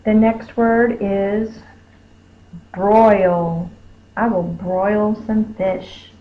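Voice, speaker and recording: A woman teacher, slowly sounding out letters and sounds in a phonics spelling lesson. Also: medium pitch, fairly even intonation, a little hiss or hum. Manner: slow, careful, sounding out each letter. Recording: tinny phone-like lo-fi recording.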